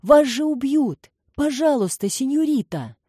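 A woman voicing a breathless, tearful young maid who gasps and implores in a high voice. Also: very animated, normal speed, warm tone, breathy edge, no echo, studio quality. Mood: alarmed.

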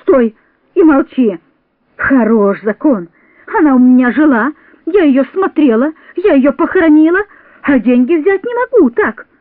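A woman reading an audiobook voices an indignant middle-aged mother who insists and then shouts complaints. The sound is dry and tinny, like a phone line. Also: fairly high pitch, expressive, slow pace, breathy edge, no room sound, heavily acted.

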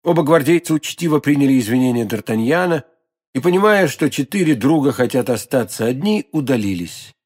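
A man narrating a classic adventure novel in a dramatic, expressive read. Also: medium pitch, a little fast, husky. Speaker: audiobook narrator.

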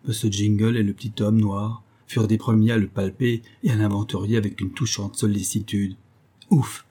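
Man reading an audiobook, low mellow voice, a bit husky, steady pace. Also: brisk. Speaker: narrator.

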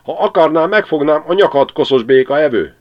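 A man voicing a spiteful male sparrowhawk who snarls in a loud, raised voice. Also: mid-range voice, expressive, smooth, highs cut off, voice pushed up, close to an everyday voice. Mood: furious.

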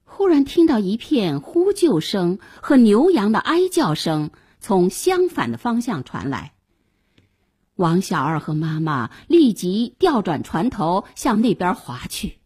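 Slow, husky woman storyteller. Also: mid-range voice, sing-song, dark tone. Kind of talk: children's story narration.

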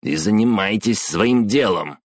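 A man reading a story, voicing a rude, hot-tempered male office boss who talks harshly and shouts. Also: lowish voice, expressive, unhurried, no echo, clean studio sound, voice pushed up.

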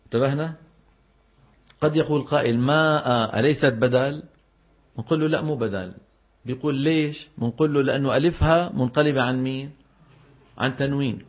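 A middle-aged man with a Levantine Arabic accent giving a classroom lecture on Quran recitation. He quizzes his students and then answers by drawing out the example words slowly. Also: mid-range voice. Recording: slightly dull lo-fi recording.

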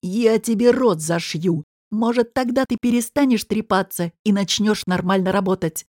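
A woman reading an audiobook voices a bullying male restaurant boss who barks threats in a lowered, slow voice. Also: darkish tone, no room sound, clean studio sound, close to an everyday voice. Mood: menacing. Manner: barking, threatening.

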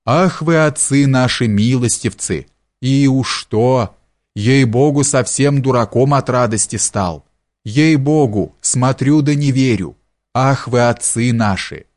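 A man's voice: mid-range voice, unhurried, no echo, studio quality, lightly acted. A man voicing a tipsy, fawning old male village steward who gushes in a sing-song way. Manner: sing-song, gushing, servile.

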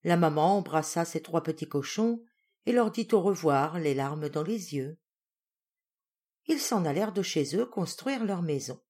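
A woman's voice: deep voice, expressive, a little slow, a little mellow. Woman reading a fairy tale aloud. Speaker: narrator. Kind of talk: storybook reading.

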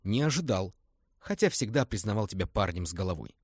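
A man's voice: lowish voice, very animated, brisk, breathy edge, no echo, clean studio sound. A man reading aloud and voicing an older colonel, a teasing, folksy uncle figure. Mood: joking.

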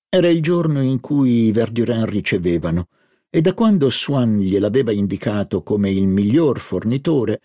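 A man reading a literary novel aloud as audiobook narration, in a measured, deliberate way. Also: on the low side, warm tone, slightly rough, no echo, studio quality. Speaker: audiobook reader. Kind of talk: scripted narration.

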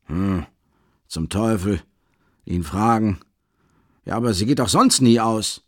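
A man's voice: fairly low pitch, takes it slowly, dry recording, studio quality. A man voicing an impatient, exasperated visitor who grumbles and curses in an audiobook. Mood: grumbling.

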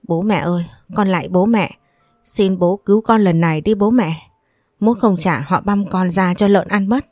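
A woman's voice: mid-range voice, moderate pace, a little mellow, no room sound, clean studio sound, faint music behind, natural voice. A woman voicing an irresponsible older brother who whines and begs his family to save him. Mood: pleading. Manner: pleading, whining. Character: irresponsible pleading older brother, loud but cowardly.

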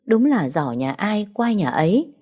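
A woman's voice: medium pitch, very animated, measured pace, darkish tone, pitched above the performer's own voice. A woman reading the lines of a stern elderly father-in-law, pleased with his grandsons, in a story.

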